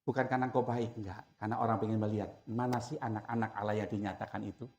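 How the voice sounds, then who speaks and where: A male pastor preaching a sermon to a congregation, talking directly to his listeners and swinging between loud emphasis and hushed asides. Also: fairly low pitch, flat delivery, quick pace. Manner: chatty, addresses listeners directly. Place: church service with a congregation present.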